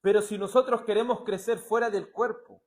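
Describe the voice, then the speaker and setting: A man preaching a sermon, asking his listeners questions and swinging from loud declarations to hushed passages. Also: high voice, fairly even intonation, brisk. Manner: asks the congregation rhetorical questions. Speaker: pastor.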